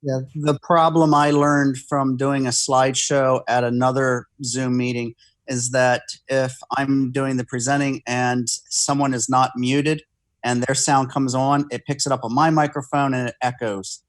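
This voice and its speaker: A man with a mid-range, level voice speaks a little slowly from home on a video call. As a guest presenter, he casually explains things to a group before a slideshow.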